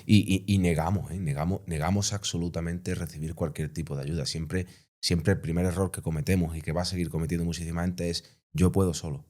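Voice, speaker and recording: A man hosts the conversation in a very deep voice. He talks fast and assertively, jumping in with firm remarks. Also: fairly even intonation, darkish tone. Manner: assertive, quick interjections. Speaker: podcast host. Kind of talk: interview conversation.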